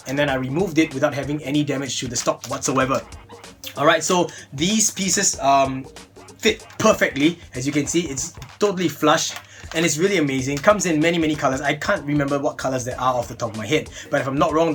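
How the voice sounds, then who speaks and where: A young Singaporean man hosts a toy blaster review channel, filming a casual product review vlog seated at a desk in a small indoor room. His slightly high, fairly bright voice is chatty and upbeat, repeating "really, really," with faint music underneath on a desk camera.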